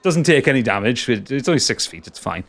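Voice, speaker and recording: A man's voice: mid-range voice, lively intonation, gravelly, fairly bright tone. Game master, male. Mid-range, swinging intonation, improvised tabletop narration that stumbles and repeats. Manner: halting, repeats himself.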